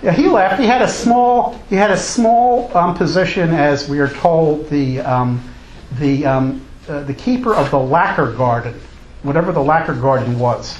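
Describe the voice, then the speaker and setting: A man's voice: a little high, normal speed. A male college teacher talking informally and teasing his class with jokes. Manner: jokey, teasing. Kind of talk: informal lecture and class banter. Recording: echoey room with background noise.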